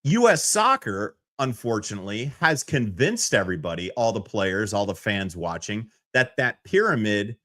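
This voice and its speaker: A man's voice: on the low side, normal speed, few pauses. A man co-hosting a podcast, casual sports talk, arguing his point with business comparisons. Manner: lively, animated, argues with business analogies. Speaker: podcast co-host.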